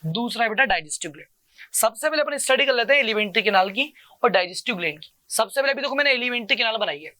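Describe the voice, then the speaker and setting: Male coaching teacher, bright tense voice, dry close mic. Call-and-response drilling that keeps addressing the student warmly. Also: animated, rapid-fire, dry recording. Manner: asks a question, then answers it himself in a lower voice; keeps calling the listener "beta" and repeats each term.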